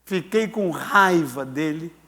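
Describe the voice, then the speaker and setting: A man's voice: a little high, takes it slowly. A man in his sixties, a pastor telling a story in a sermon, acting out the voices of the people in it. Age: 60s. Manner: animated storyteller, acts out quoted voices.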